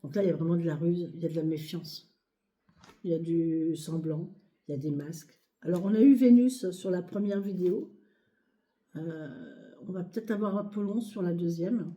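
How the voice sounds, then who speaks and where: A hoarse, short-of-breath woman speaking softly and hesitantly with many fillers as she reads cards in a casual video. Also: fairly low pitch, moderate pace. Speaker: card reader. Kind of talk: casual tarot reading video. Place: home, near a sleeping child, outdoor birds.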